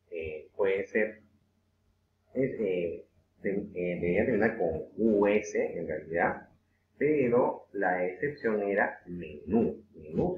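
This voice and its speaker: A man's voice: fairly low pitch, a little hiss or hum. Man teaching grammar over a tinny line. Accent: Peruvian Spanish. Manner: patient, repeats words slowly, frequent "eh" fillers. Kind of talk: online grammar lesson. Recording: echoey room over a tinny phone-like line.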